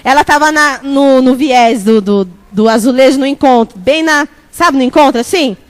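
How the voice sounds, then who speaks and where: Woman, high voice, bishop, animated sermon storytelling, addresses the congregation. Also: normal speed. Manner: animated storytelling, shouting at peaks; lively, laughing, addresses crowd as "gente".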